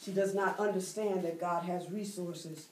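A woman's voice: fairly low pitch, steady tone, a little hiss or hum. A middle-aged woman teaching a Bible study as a preacher, drawing out key words and calling for responses from the room. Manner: call-and-response preaching with drawn-out emphasis. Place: church library room with bookshelves. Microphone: far camera, no mic. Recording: echoey room from far off.

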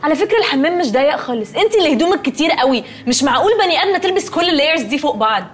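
A prim, snippy rich young woman speaks with an Egyptian accent. Her voice sits high and her words rush out very quickly. She comes from a comedy series. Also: animated, slight background noise. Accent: Egyptian Arabic. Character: spoiled rich young woman who mixes in English.

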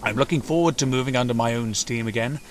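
A man's voice: mid-range voice, fast, a little hiss or hum, lightly acted. A man voicing a polite, eager little male steam engine in a storybook reading, speaking in a courteous, chatty way.

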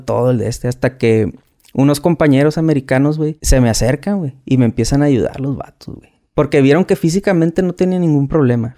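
A man's voice: mid-range voice, mellow. A man with a Mexican accent, telling his story as a podcast guest in casual, slangy talk, often repeating and restarting words. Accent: Mexican Spanish.

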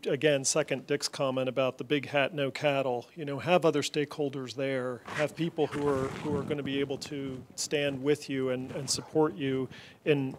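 A man speaks as a panelist in a conversational way, with a middle-pitched voice. He keeps a loose flow and fills pauses with small words. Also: noisy background. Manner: conversational, fills with "you know" and "um". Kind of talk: panel discussion remarks.

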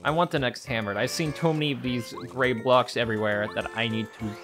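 A woman giving casual, playful let's-play commentary, giggling and swinging between high squeals and low mutters. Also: a little fast, faint music behind. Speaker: gamer.

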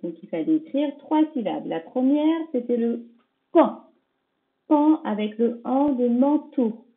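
A primary school teacher corrects a dictation for young pupils in this recording, speaking slowly and patiently in a fairly high, lively voice. She sounds out words syllable by syllable, stressing each sound, and checks in with the children, all on tinny audio.

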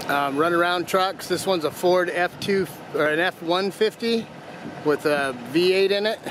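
His voice sits high as this older auctioneer casually walks around a vehicle for sale, speaking plainly with fillers and restarts. A handheld phone captures him outdoors in a gravel lot and inside a pickup cab, and the outdoor recording is noisy.

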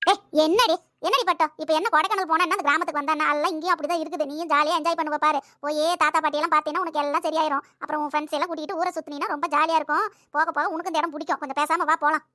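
A woman's voice: sits high, steady tone, rapid-fire, sharp tone, dry recording, studio quality. A woman voicing a cartoon mother who scolds and coaxes her daughter. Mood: coaxing. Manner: scolding, coaxing. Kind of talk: cartoon voice acting.

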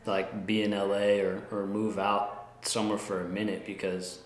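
A man's voice: lowish voice, level tone, normal speed, reverberant, faint music behind. A man in his twenties from Montana, answering interview questions casually with many fillers and restarts. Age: 20s. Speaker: guest. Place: lounge room indoors.

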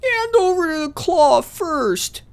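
Man putting on a theatrical high-pitched old adventurer. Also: very animated, slow pace, vocal fry, full character voice. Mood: demanding. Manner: theatrical, raised reading voice. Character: old man adventurer, gleeful treasure seeker.

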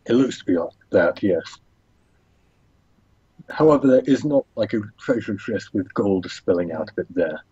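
A low-voiced man with a husky, mellow tone, narrating a tabletop game as game master. He talks in a relaxed way, pausing and thinking aloud. The sound is dry and dull, like a lo-fi recording. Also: no room sound.

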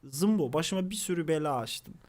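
Young streamer guy, pretty high voice, tells stories loose and animated, swears a lot. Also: normal speed. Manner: animated, swears freely, breaks into laughter. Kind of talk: casual storytelling to a stream chat.

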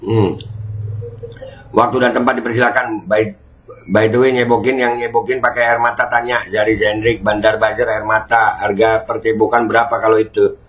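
A man's voice: on the low side, level tone, moderate pace, fairly bright tone, a little hiss or hum. A middle-aged man from Indonesia, ranting and mocking in casual political commentary. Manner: mocking, sarcastic, jeering.

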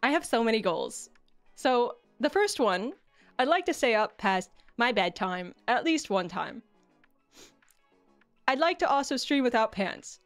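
A woman's voice: a little high, very animated, unhurried, long pauses. A woman streamer chatting casually on a livestream in a playful, giggly, self-deprecating way. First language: English. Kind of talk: casual livestream chat, debut introduction. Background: background music.

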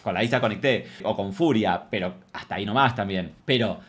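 A man's voice: lowish voice, a little fast, breathy edge. A man with an Argentine accent giving casual, gossipy reaction commentary on a reality show, sassy and often trailing off into mutters. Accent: Argentine Spanish.

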